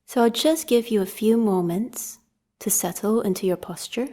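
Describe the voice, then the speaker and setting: With long pauses between unhurried instructions, a meditation teacher guides listeners in a calm, gentle manner. Her medium-pitched voice is soft and grows a little breathy as each phrase closes.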